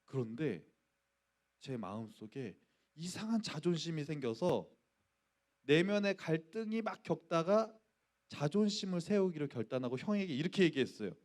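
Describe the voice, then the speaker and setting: A man's voice: a little high, sing-song, normal speed, darkish tone. A middle-aged man, a pastor, giving a youth sermon in a church and telling a story while acting out the voices in it. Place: church sanctuary.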